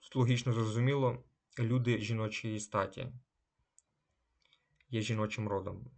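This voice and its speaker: A man giving a slow language lesson. He says each German word a little louder, then gives its translation. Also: on the low side, steady tone, creaky. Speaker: German teacher.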